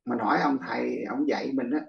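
In a mid-range voice with a steady tone, quick pace, and vocal fry, an older monk chats casually while teaching, frequently laughing and talking straight to his students. The highs are cut off, the room is echoey, and the mic sits far away.

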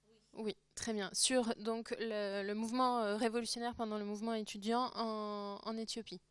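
Smooth-voiced French woman chairing a session. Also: fairly high pitch, flat delivery, no room sound. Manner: halting, with fillers. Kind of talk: introducing a speaker.

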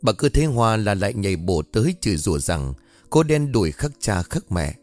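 A man narrating a dramatic story in a steady, measured way. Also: lowish voice, no echo, faint music behind.

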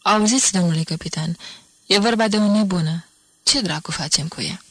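A woman's voice: fairly low pitch, husky, no echo. A woman reading an audiobook, voicing a curious young male army lieutenant who asks questions in a blunt way. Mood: probing.

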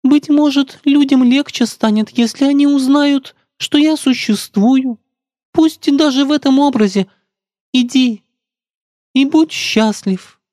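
A man voicing a gentle young princess who exists only as a reflection in a river, speaking softly and wistfully. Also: very high voice, unhurried, no room sound, studio quality, voice pushed up. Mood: tender. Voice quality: soft, tender voice. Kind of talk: storybook reading.

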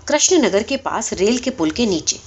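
A woman's voice: fairly high pitch, big pitch swings, breathy edge. A woman voicing a polite, deferential man telling his own story, on a dull lo-fi recording.

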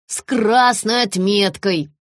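A woman voicing a brisk, practical female assistant correcting others in an audiobook reading. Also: medium pitch, big pitch swings, husky, no room sound, clean studio sound.

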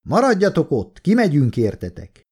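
A man's voice: on the high side, huge pitch swings, darkish tone, slightly rough, pitched above the performer's own voice, heavily acted. Audiobook bit part: army officer bellowing commands, voiced by a male narrator. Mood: commanding. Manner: barking orders.

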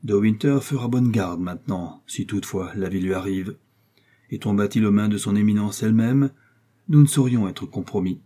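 A man's voice: fairly low pitch, moderate pace, mellow, natural voice. A man reading the lines of a grave, proud noble musketeer who speaks in a stern, reproving way.

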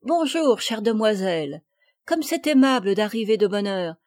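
A woman's voice: expressive, normal speed, dry recording, close to an everyday voice. A woman voicing a stout, harsh stepmother who gushes to guests and screeches at her stepdaughter. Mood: gushing. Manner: loud, effusive, shrill when angry.

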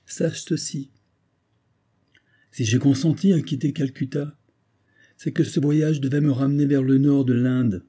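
A man voicing a grave, vengeful retired colonel with a husky voice, speaking in solemn, insistent declamation. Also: on the low side, moderate pace, mellow. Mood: stern resolve.

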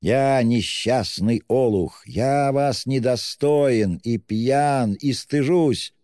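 A man doing a loud, tipsy young man. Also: medium pitch, very slow, no echo, clean studio sound, in a large hall, pitched above the performer's own voice. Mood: effusive. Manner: shouting, effusive, self-abasing. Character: drunk, excitable young man, loud and gushing.

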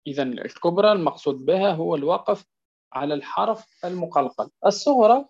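A man teaching a Quran recitation lesson, repeating each point and often asking whether it is clear. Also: high-pitched, animated, a little mellow. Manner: drills words slowly, stretching them out. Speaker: tajweed teacher. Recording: dull lo-fi recording.

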